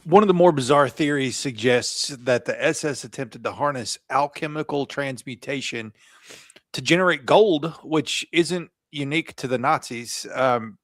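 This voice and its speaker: A podcast co-host chats casually while reading his research notes aloud, tossing in offhand jokes and asides. His voice is at an ordinary pitch and normal speed. It's recorded close, with a dry sound and no room echo.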